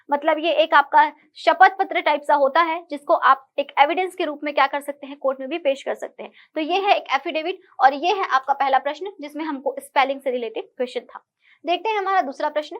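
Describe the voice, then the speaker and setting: A woman's voice: high voice, muffled recording. A woman teaching an online exam-prep English lesson, explaining each question patiently and repeating key words.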